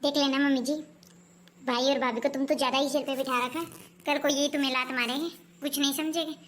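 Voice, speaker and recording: A woman's voice: high-pitched, steady tone, fast talker, a bit bright. A woman playing a meddling married daughter who nags her mother in a family skit. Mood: scolding. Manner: nagging, reproachful.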